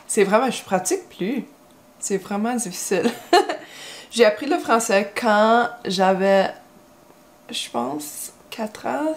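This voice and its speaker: A woman from Quebec whose first language is English, speaking French with an English-speaking Quebec accent. She chats slowly and unhurriedly while putting on makeup, often stopping mid-sentence to restart or reach for a word. Her pitch sits in a middle register. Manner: hesitant and chatty, with many restarts and fillers. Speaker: beauty vlogger. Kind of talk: casual chat while doing makeup.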